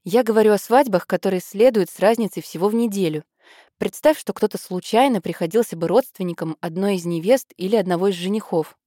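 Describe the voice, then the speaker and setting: A woman's voice: medium pitch, fairly quick, dark tone, no echo, studio quality, close to an everyday voice. A woman voicing a glum, muttering young woman, the eldest sister, in an audiobook.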